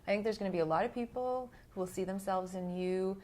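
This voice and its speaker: A woman interviewing a guest, asking friendly questions and encouraging him with soft "mm" sounds. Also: mid-range voice, fast talker. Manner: encouraging, frequent soft "mm" backchannels. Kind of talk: conversational interviewing.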